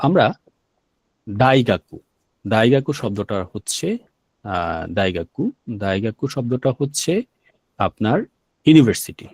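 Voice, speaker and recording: A man's voice: on the low side, darkish tone, no echo. Patient male teacher, dry sound. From Bangladesh. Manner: patient, repeats words and checks understanding. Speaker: Japanese language teacher. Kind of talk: classroom lesson explaining vocabulary.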